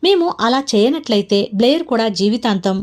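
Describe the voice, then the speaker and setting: A woman narrating a self-help audiobook in a steady, measured reading voice. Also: on the high side.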